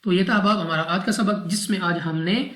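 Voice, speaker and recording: A woman's voice: fairly low pitch, a little fast. A woman from Pakistan teaching Quran recitation rules, methodically repeating each rule step by step. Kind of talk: tajweed lesson explanation. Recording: roomy echo.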